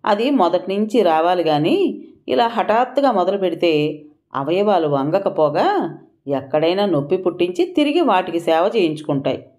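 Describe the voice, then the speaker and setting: A woman's voice: lowish voice, expressive, normal speed, a little mellow, natural voice. A woman voicing a stubborn young village woman who talks bluntly and complains. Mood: grumbling.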